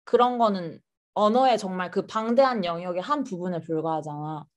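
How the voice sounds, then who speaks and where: A woman's voice: lowish voice, fairly quick. A young adult woman from South Korea, answering questions casually as a podcast guest. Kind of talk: casual interview chat.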